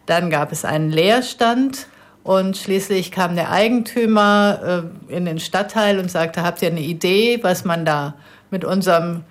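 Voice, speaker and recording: A woman's voice: on the low side, measured pace. Woman guest telling how it all started, easy flowing talk. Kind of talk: casual chat.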